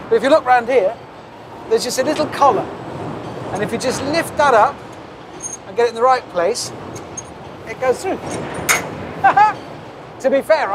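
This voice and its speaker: A man's voice: extremely high pitch, normal speed, pauses often, background noise. An English man in his forties presenting on location at a factory, enthusiastic and playful. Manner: enthusiastic, playful, easily excited. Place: outdoors at a rail yard and inside a large factory hall.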